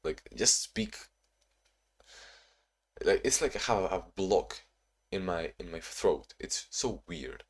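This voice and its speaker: Addressing his own camera, the young vlogger, from Spain and Ukraine and a native Spanish or Ukrainian speaker, meanders through self-reflective, casual talk full of restarts, worn out from little sleep. His deep voice has vocal fry and big pitch swings, and he speaks slowly.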